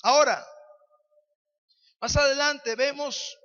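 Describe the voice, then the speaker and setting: High-voiced preacher in a reverberant church. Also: male voice, fairly even intonation, slow pace, pushed and bright. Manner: call-and-response with congregation, emphatic. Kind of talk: sermon. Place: church hall. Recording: dull lo-fi with long church reverb.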